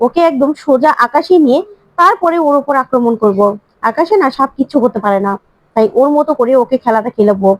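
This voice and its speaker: A woman narrating a serial drama recap, reading every character's lines herself and rising into excited, pleading outbursts. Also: sits high, no room sound, poor audio.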